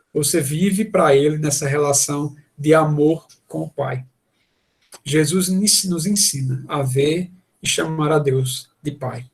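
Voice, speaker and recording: A man preaching a sermon, earnest and asking the congregation direct questions. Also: fairly high pitch.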